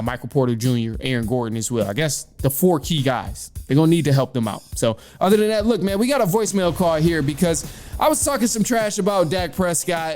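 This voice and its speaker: A man with a medium-pitched, darkish voice hosts a sports podcast, offering casual, opinionated commentary in informal language and swearing mildly.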